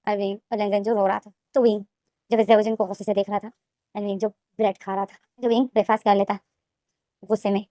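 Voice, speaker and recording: A woman casually retelling a fan-fiction story, talking rapidly and repeating names and phrases. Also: mid-range voice, flat delivery, dark tone, no room sound, clean studio sound.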